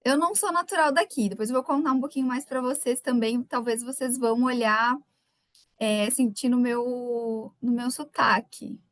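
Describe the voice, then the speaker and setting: Hosting a live webinar from her computer mic, a woman from Rio Grande do Sul speaks Brazilian Portuguese with a light Gaúcho accent. Her voice is fairly high and steady at a moderate pace, and she chats warmly, greeting viewers by name.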